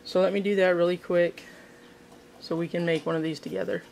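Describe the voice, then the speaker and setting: A woman's voice: fairly low pitch, steady tone, fairly quick, a little mellow, a little hiss or hum. A woman hosting a casual how-to video, demonstrating a craft at a table indoors and thinking aloud with frequent ums and restarts. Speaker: fishing craft video host.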